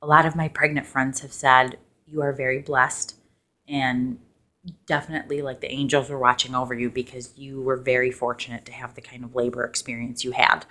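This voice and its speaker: A young woman with a low voice tells a personal story in a soft, sort of ASMR vlog manner. She is casual and chatty, with plenty of "like" and "um" fillers, and some words drop to a hush. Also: little pitch movement, a little fast. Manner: chatty, lots of "like" and "um", hushed in places. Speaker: vlogger.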